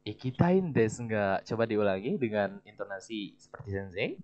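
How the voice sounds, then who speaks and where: A man's voice: fairly low pitch, expressive, normal speed, darkish tone. A man teaching a language class, explaining patterns and coaxing his students to repeat them. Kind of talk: classroom instruction. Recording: dull lo-fi recording.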